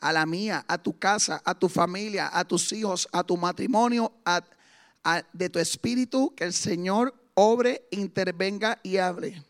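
A man delivers a fervent sermon in a high voice. His bright, ringing tone drops to near-hushed lines and then climbs again into loud exclamations. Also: unhurried. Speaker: guest preacher.

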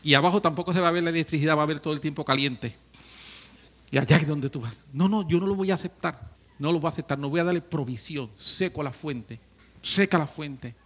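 A man preaching a sermon as pastor, swinging from hushed, slow stretches to loud, joking outbursts. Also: a little high.

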